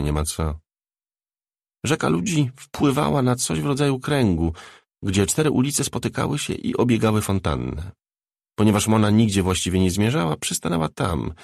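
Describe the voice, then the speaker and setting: Deep gravelly male audiobook narrator. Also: darkish tone, no room sound, clean studio sound. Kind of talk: scripted narration of a novel.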